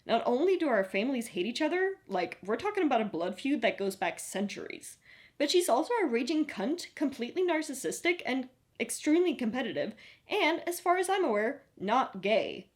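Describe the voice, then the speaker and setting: A woman's voice: mid-range voice, sing-song, quick pace, few pauses, close to an everyday voice. A woman voicing a blunt, exasperated young witch cousin who talks sarcastically.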